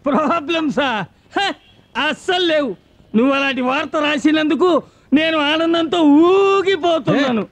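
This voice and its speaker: An actor playing a middle-aged newspaper editor who pleads nervously and then turns theatrical. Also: male voice, extremely high pitch, moderate pace, fairly bright tone. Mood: sarcastic.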